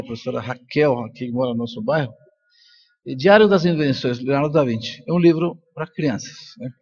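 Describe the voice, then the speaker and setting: An older Colombian man, a native Spanish speaker, gives an informal, reflective talk full of personal stories at a congress, where he speaks as a neuroscientist and professor. His voice is medium-pitched, darkish, and husky, and the audio sounds dull.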